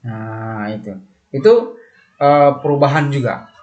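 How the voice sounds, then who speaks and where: A man teaching a recorded lesson, patiently explaining and repeating each term slowly while pointing at marks on a slide. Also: mid-range voice, a little mellow, muffled recording. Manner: patient, explanatory, with many fillers.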